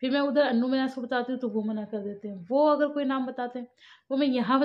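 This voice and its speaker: A young woman chats casually about daily life in a home family vlog, sometimes scolding her children firmly. Her voice is on the high side, and the recording's highs are cut off.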